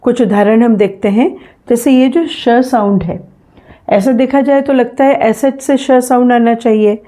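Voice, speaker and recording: A middle-aged woman teacher with a soft, mellow voice that sits a little high. She explains English sounds patiently in Hindi, with an Indian English accent, and says example words again slowly. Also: fairly even intonation. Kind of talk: phonetics revision lesson.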